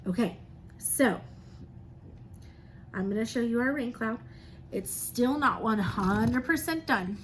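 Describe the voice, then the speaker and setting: Speaking slowly and pausing often, this woman has a voice on the high side, and background noise is noticeable. She's a teacher reading aloud and explaining science to young children with simple, encouraging words.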